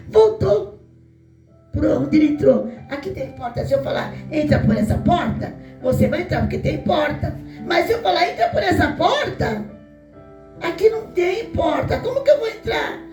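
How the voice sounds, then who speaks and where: Fervent high-voiced woman preaching. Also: expressive, moderate pace, recorded from a distance. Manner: fervent, addresses the church, shouts and voices people in her story. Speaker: preacher giving a testimony. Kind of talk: emotional testimony sermon. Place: church. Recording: echoey church with soft guitar.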